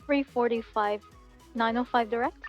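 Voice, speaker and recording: A woman's voice: a little high, steady tone, normal speed, dull audio, soft background music. A woman calling out clipped police codes over a radio in a roleplay game.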